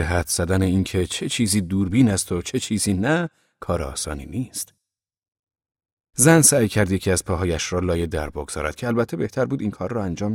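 A man narrating a novel as an audiobook in a calm, measured reading. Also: sits low, no echo, studio quality.

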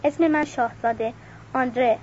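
A woman's voice: high voice, a little mellow, muffled recording, slight background noise, natural voice. A woman reading a weary aristocratic captain. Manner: sad, weary, refined. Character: melancholy aristocratic male Russian army captain.

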